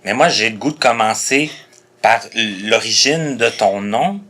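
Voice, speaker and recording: A man with a Quebec French accent hosting a casual interview, chatty and quick to laugh, often restarting his questions. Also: fairly low pitch, sharp tone. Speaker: podcast host.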